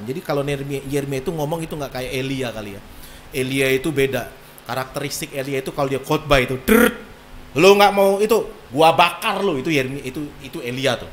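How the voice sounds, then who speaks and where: A male pastor, preaching a sermon in animated, colloquial style and acting out voices. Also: medium pitch, slight background noise.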